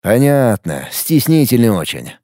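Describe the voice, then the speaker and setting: A man's voice: medium pitch, big pitch swings, measured pace, darkish tone, dry recording, clean studio sound, pitched below the performer's own voice. A man voicing a hard, pragmatic warrior who speaks bluntly and commands. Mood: calm cold. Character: hard, pragmatic male warrior, young adult.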